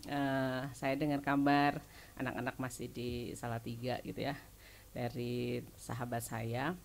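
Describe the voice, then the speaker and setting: A woman's voice: extremely low pitch, level tone, measured pace, vocal fry, slight background noise. A chatty middle-aged woman giving a personal testimony at a church service, laughing often and filling her talk with small tags. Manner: chatty, laughs often while telling stories; many fillers like "gitu ya".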